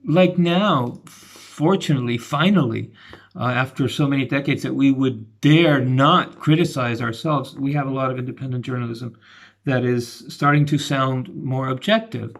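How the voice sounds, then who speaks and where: A middle-aged man talking through a casual video commentary, halting and restarting often. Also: medium pitch, creaky. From grew up between the United States and Argentina. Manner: halting, many restarts and fillers. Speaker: channel host giving commentary.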